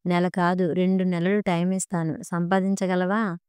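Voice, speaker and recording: A scornful, shouting husband , as a woman storyteller reads him out, mocking every word. The voice sits low and warm, smooth and clear. A dry, close storybook recording. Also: little pitch movement, moderate pace, no echo, lightly acted. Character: angry scornful husband, a clerk.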